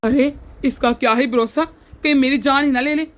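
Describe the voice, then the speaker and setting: A woman's voice: sits high, steady tone, moderate pace, a bit bright. A woman voicing a hot-tempered young husband in a cartoon who blusters and threatens his wife. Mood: scared.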